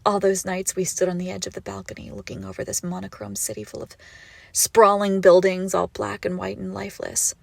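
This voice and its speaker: In an intimate audio roleplay, a woman plays an obsessive, icy, menacing crime-boss ex-girlfriend, bitter and hurt, speaking deliberately and swinging between whispers and outbursts. Her mid-range voice carries vocal fry, and there's no echo.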